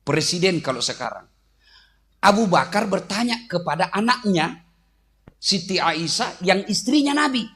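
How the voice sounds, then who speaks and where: Joking preacher with a Makassar accent. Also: male voice, high voice, expressive, normal speed, sharp tone. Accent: Makassar Indonesian. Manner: joking, addresses the audience directly. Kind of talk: humorous sermon storytelling.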